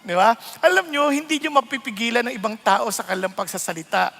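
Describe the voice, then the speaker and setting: Bright, high-voiced, laughing male pastor. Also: fast talker, gravelly, big-room sound. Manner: lively, laughing, mixes English into his preaching. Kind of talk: sermon.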